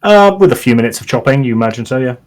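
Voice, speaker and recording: A man's voice: medium pitch, expressive, rapid-fire. A man narrating a tabletop game as game master, talking players through their actions.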